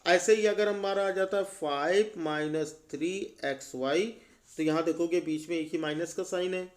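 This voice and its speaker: A high-pitched young man walks students through a maths lesson. He asks questions aloud and answers them himself, checking in often and slowing down over each key term. His voice sits well above most men's. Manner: asks rhetorical questions, repeats "ठीक है" often; slows down on key terms, stresses answers low. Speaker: maths teacher. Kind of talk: classroom lesson explanation.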